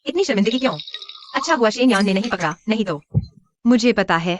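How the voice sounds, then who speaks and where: A woman's voice: on the high side, expressive, a little fast, no room sound, lightly acted. Woman dubbing a scheming young heroine, wry, confident, dry studio voice. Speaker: dubbing actor. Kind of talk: dubbed drama dialogue.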